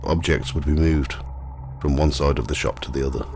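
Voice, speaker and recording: A man narrating a scripted ghost walk as the guide, telling the stories in a measured, matter-of-fact way. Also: extremely low pitch, steady tone. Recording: clearly noisy, ambient sound behind.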